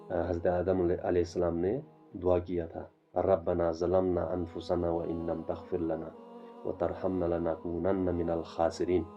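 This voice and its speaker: Deep flat-voiced man giving a halting religious talk. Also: lo-fi sound. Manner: halting, with frequent fillers and restarts. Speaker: self-taught religious lecturer. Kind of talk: informal religious lecture vlog.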